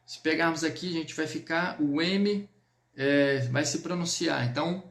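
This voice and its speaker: A man's voice: fairly high pitch, moderate pace, gravelly, fairly bright tone, reverberant. A man with a Brazilian Portuguese accent teaching a live online French lesson, patiently repeating words and checking in with his students.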